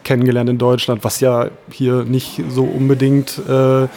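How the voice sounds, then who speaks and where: A man's voice: medium pitch, completely flat delivery, normal speed, a little mellow. A man interviewing a guest, asking brief questions in a casual way. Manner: brief questions and listening murmurs.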